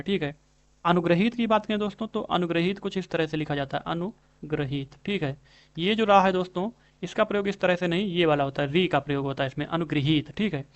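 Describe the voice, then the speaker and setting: A young man with a slightly raised voice walks viewers through grammar practice questions. He repeats key terms slowly and keeps calling his audience friends. The delivery is patient and drawn-out, like a tutor going over answers one by one. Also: on the high side, muffled recording. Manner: repetitive, addresses viewers as friends, stretches out spelled words. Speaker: Hindi grammar teacher. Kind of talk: exam-prep lesson, explaining answers.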